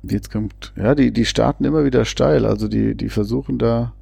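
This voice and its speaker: A man's voice: mid-range voice, steady tone, moderate pace, creaky, dark tone, slightly rough, dry recording. A man giving casual, chatty football commentary, often hesitating and restarting his sentences. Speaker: fan co-commentator.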